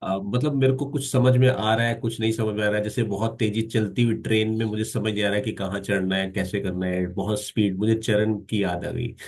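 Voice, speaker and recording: A man's voice: fairly low pitch, steady tone, a little fast, few pauses. A man taking part in a training workshop, speaking politely and joking, mixing Hindi and English. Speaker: workshop participant.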